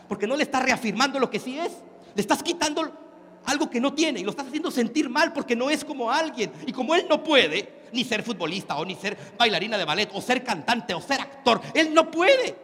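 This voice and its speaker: A Mexican-accented man gives a live motivational talk in a high, bright, forceful voice. He drives his points home emphatically, fires questions at the crowd and swears casually. The sound rings with long hall reverb over faint ambience. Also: lively intonation, a little fast. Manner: emphatic, calls questions to the audience, peppered with crude slang. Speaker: motivational speaker.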